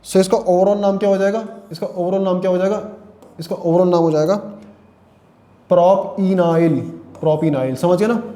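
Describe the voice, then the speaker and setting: Tired, high-voiced male chemistry teacher. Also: steady tone, a little slow, dark tone, reverberant. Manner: repeats questions and answers them himself; speaks Hindi mixed with English terms. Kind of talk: classroom lecture.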